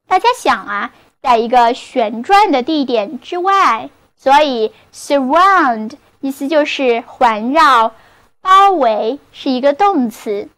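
A woman's voice: high-pitched, expressive, slow, fairly bright tone. A woman teaching English vocabulary in a scripted lesson, speaking carefully, spelling words letter by letter and repeating example sentences, with a Mandarin Chinese accent.

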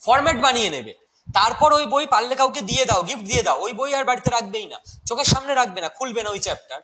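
A man's voice: very high voice, lively intonation, very fast, bright, forceful tone, rough recording. A young man with a Bengali accent teaching a live online exam-prep class, chatty and mixing in English terms while answering viewers' questions.

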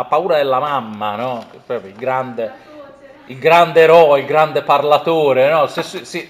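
A man gives a literature lecture in a slightly higher-than-usual voice. He talks in a rambling, explanatory way, restarting phrases and dropping fillers as he reads quoted passages. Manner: explanatory, digressive, many fillers and self-corrections, reads Russian quotes aloud. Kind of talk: university-style lecture reading and explaining a Russian text.

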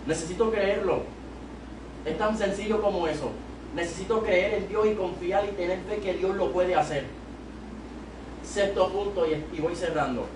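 Handheld mic at the pulpit, a young Puerto Rican evangelist exhorts a youth service in a small church sanctuary, climbing to loud, emphatic peaks. His high-pitched voice moves at normal speed with a Puerto Rican Spanish accent. The clip, shot from a far camera, is echoey and noisy.

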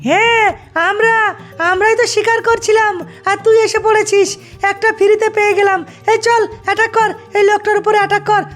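Shrill cackling old hag monsters. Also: male voice, level tone, a little fast, fairly bright tone, soft background music. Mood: taunting.

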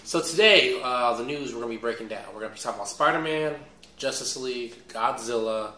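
Hoarse man hosting casual movie chat. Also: medium pitch, fast talker, pushed and bright, slight background noise. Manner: laid-back, slangy, enthusiastic. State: hoarse, recovering voice. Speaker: host. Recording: echoey room.

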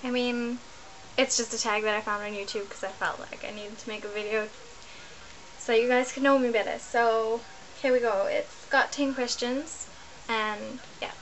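Chatting casually into her laptop webcam from a small bedroom, a young woman from New Zealand rambles and keeps correcting herself, vlog-style. Her fairly high voice is steady and fairly bright at a normal speed, though the audio is poor with slight background noise.

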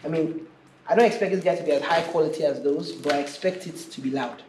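Thinking aloud as he reviews a product, a man casually hosts an unscripted unboxing video in an informal, chatty way. His voice is on the high side and fast, recorded in an echoey room with clear background noise.

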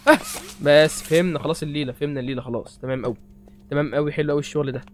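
A man's voice: on the high side, fairly even intonation, racing. A young Egyptian man hosting a horror game playthrough, rambling and joking nervously. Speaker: gaming host.

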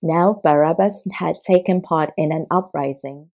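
A woman narrates a scripture audiobook in a steady, measured way. Her voice is low-pitched and mellow, with no sharpness to it.

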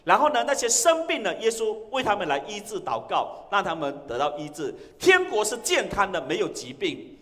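A man's voice: high-pitched, huge pitch swings, normal speed. Guy preaching in church, voice jumps all over, long echo from the big hall. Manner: preaching with swings between loud exclamations and hushed lines. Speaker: pastor. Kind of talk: sermon. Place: church sanctuary.

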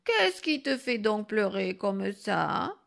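A woman reading a storybook aloud, voicing a sly, gentle grandmother with a small, quavering old voice. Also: medium pitch, big pitch swings, slow, vocal fry, heavily acted. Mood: soothing.

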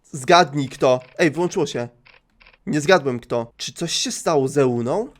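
A man's voice: a little high, unhurried, slight background noise. A young man giving a joking, sarcastic let's play commentary on a game and swearing casually. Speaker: gaming youtuber.

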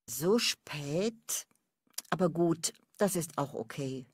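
A woman's voice: deep voice, lively intonation, takes it slowly, darkish tone, husky, no room sound, heavily acted. A woman playing a polite, accommodating customer in a language-course dialogue. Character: polite, accommodating female customer making a booking.

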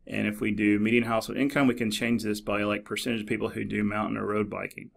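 A middle-aged man narrating a screen-recorded tutorial in a relaxed, explanatory way, with many fillers and restarts. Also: lowish voice, quick pace, gravelly. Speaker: librarian demonstrating a database. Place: office.

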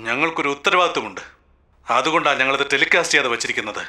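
A brash TV reporter. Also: male voice, mid-range voice, animated, rapid-fire, pushed and bright. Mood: pressing. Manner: pressing, sarcastic questioning. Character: brash male TV reporter confronting politicians. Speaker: TV news anchor questioning an official. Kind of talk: dubbed film acting.

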